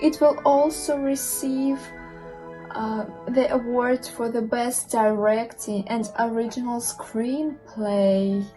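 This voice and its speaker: A woman playing a mysterious fortune teller who makes slow, solemn pronouncements. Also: a little high, fairly even intonation, dark tone, faint music behind, poor audio.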